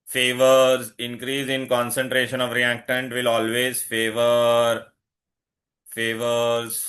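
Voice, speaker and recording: A man's voice: medium pitch, fairly bright tone. A man with an Indian accent teaching an online lesson, insistently asking questions and switching between English and Hindi. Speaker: chemistry teacher.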